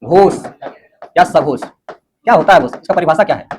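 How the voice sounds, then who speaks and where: A man. He explains patiently, pauses often to ask whether the class has understood, and keeps the students moving along. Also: fairly high pitch, lively intonation, a little hiss or hum. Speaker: teacher. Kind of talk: classroom lecture.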